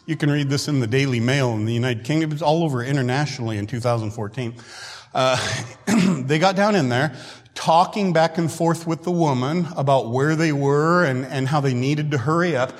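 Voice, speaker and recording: A man preaching a sermon in a conversational way who often clears his throat, in a church hall. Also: medium pitch, moderate pace. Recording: long hall reverb.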